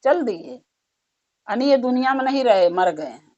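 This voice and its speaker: A woman voicing a calm, wise elderly male holy man in a storytelling. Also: fairly high pitch, a little slow. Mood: instructing. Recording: dull muffled recording.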